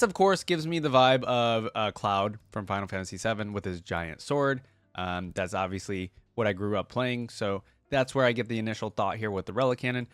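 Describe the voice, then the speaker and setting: This man, who creates and hosts reaction videos, speaks in a fairly low, fairly bright voice on a dry recording. His commentary is casual and off-the-cuff, informal and enthusiastic as he thinks out loud.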